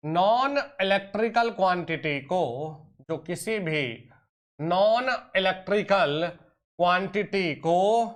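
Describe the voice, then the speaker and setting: A man's voice: high voice, a bit bright. A man teaching an online exam-prep lecture, fond and teacherly, stretching out key terms, sometimes scolding his students. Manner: teacherly, addresses students as "beta" and "pyare bachche", scolds and coaxes; drawn-out slow emphasis on key terms.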